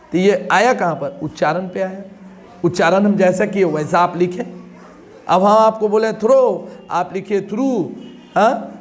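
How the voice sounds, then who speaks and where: A man teaching an exam-prep class, explaining points with questions and everyday examples. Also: high-pitched.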